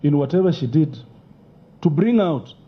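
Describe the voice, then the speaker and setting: A man's voice: on the high side, lively intonation, normal speed. A man, testifying before a parliamentary committee, emotional and insistent, talking over the questioner. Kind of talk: heated testimony at a hearing. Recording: muffled lo-fi broadcast audio.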